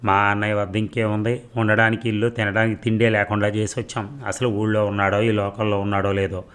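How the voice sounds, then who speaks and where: A man's voice: fairly low pitch, level tone, fairly quick, fairly bright tone, smooth, lightly acted. A man voicing an anxious, bitter young man who has lost everything, speaking in a pleading way.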